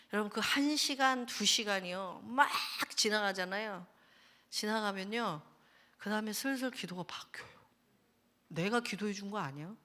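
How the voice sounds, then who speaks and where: A pastor's wife preaching at a Friday service, animated, swinging between loud bursts and hushed asides as she acts out people's prayers. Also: medium pitch. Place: church sanctuary. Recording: reverberant church hall.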